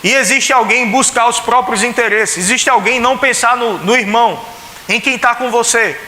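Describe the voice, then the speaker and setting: This pastor's voice is very high, bright and forceful, at a moderate pace, carrying a Pernambuco Brazilian Portuguese accent. Preaching in an echoey church with faint hiss, he keeps things conversational, full of rhetorical questions, and voices the people he quotes.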